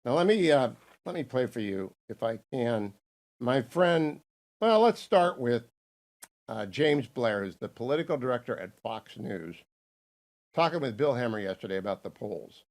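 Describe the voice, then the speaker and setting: A man in his sixties hosting a radio talk show, hoarse from laryngitis, brisk and opinionated. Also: mid-range voice, very animated, a little mellow. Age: 60s. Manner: brisk, opinionated, reads ad copy.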